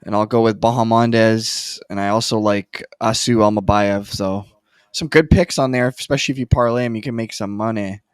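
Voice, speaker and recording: Man, low voice, dry close sound, relaxed, hesitant sports chat co-host. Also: moderate pace, clear, resonant tone, dry recording. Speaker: co-host making fight picks. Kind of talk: casual chat.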